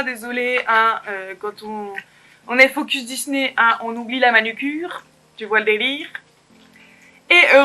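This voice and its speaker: A woman's voice: sits high, sharp tone. A woman vlogger chatting casually through an unboxing, bubbly and playful, talking straight to her viewers. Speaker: beauty vlogger.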